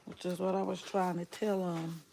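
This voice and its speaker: A woman's voice: fairly low pitch, little pitch movement, moderate pace, gravelly, warm tone, a little hiss or hum. A middle-aged woman, chatting casually with viewers on a livestream, teasing and laughing often. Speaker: livestream host.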